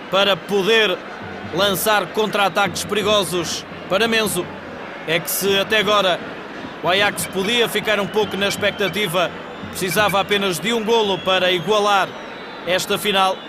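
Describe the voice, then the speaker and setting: High-voiced Portuguese male football commentator over crowd. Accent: European Portuguese. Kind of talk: live football match commentary. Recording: 1980s TV broadcast, loud stadium crowd noise. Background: football stadium crowd.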